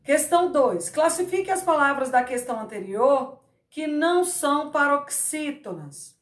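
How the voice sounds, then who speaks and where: A woman teacher explaining grammar slowly, repeating words to stress their syllables. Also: high voice, lively intonation. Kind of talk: Portuguese grammar lesson. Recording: echoey room.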